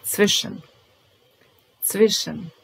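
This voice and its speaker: A woman teaching a vocabulary lesson, slow and deliberate, saying each word and then repeating it. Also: mid-range voice, gravelly, a bit bright, a little hiss or hum, rough recording. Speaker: language teacher.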